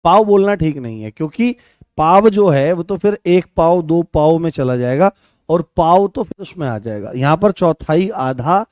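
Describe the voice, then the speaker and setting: A man's voice: a little high, animated, moderate pace, darkish tone, no echo, studio quality. A man teaching a Hindi grammar class, repeating phrases, correcting himself and asking questions he then answers. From Rajasthan. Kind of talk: online exam-prep class.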